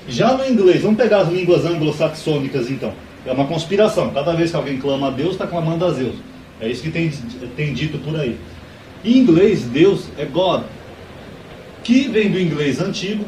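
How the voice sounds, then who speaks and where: A man's voice: fairly high pitch, darkish tone. A man running a theology channel, explaining in a casual, conversational way, asking rhetorical questions and correcting himself mid-sentence. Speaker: theology YouTuber. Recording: echoey room, mic at a distance, faint hiss.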